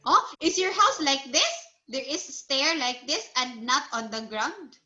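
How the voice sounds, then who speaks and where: Heard through a muffled recording, a woman tutors a child in English one-on-one, her voice sitting high, expressive, pushed and bright. She is patient and slow, saying words again for the learner to copy and offering praise for answers.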